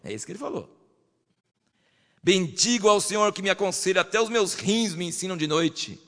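A high, bright-voiced man preaching with lively energy, putting on voices for believers he quotes. His words ring out with a long church reverb that lingers after each phrase. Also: moderate pace. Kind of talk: sermon.

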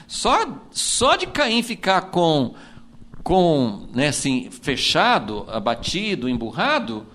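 A man with a Brazilian accent teaching from the Bible in a conversational way, animated, acting out quotes and often adding "né". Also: on the high side, slow pace. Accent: Brazilian Portuguese. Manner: animated, acts out quotes, frequent "né" fillers.

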